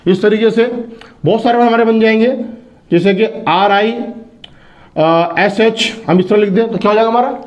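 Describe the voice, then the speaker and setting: High-voiced man teaching phonics. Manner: repeats words slowly, asks and answers his own questions. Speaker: English teacher. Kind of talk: phonics lesson.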